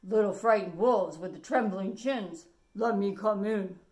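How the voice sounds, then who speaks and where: A woman voicing a big bad male pig from a storybook, threatening and emphatic, with drawn-out words. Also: medium pitch, darkish tone, roomy sound, lightly acted. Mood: menacing.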